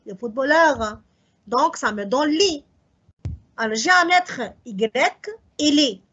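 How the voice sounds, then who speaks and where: A woman teaching a French grammar revision lesson, working through exam choices slowly and answering her own questions. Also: sits high, fairly bright tone, breathy edge, lo-fi sound.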